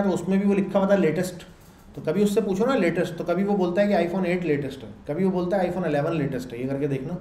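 Male lecturer, mellow slightly high voice, loud conversational classroom teaching, echoey room, faint noise.

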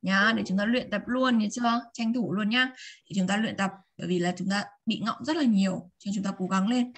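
A woman teaching vocabulary in an online class. She repeats each word slowly and keeps checking that her students are following. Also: medium pitch. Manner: models words slowly and repeats them. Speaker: English teacher. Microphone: video call.

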